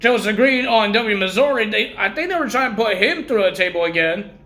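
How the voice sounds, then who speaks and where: A man's voice: high-pitched, animated, brisk, pushed and bright. A man recapping wrestling results in a casual vlog, rambling and correcting himself while he has the hiccups.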